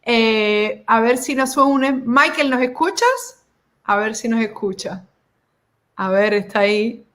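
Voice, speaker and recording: A woman with a high voice hosts an informal online panel. She talks conversationally and slips from one language into another. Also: expressive, takes it slowly, fairly bright tone. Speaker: host. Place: video call.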